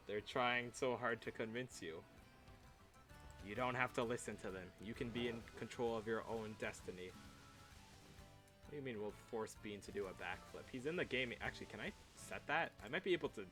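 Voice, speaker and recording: A young man chats through a game stream in a bright, forceful voice, teasing his viewers and laughing between lines. Faint music runs softly behind him. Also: medium pitch, normal speed, pauses often. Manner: playful, chatty, reads chat aloud, frequent laughs. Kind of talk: casual livestream chat.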